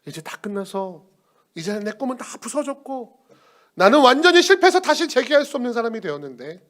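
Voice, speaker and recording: A pastor playing a remorseful grown disciple who pleads and reproaches himself after failing. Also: male voice, very high voice, very animated, fairly quick, a bit bright, pitched above the performer's own voice, heavily acted. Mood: bitter questioning. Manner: pleading, self-reproaching confession. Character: remorseful grown man disciple, broken by failure.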